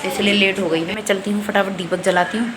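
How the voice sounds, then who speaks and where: A woman's voice: mid-range voice, fairly even intonation, fairly quick, noisy background. Chatty woman vlogging from home. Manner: chatty, talks to camera and to her sick child. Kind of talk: casual home vlog.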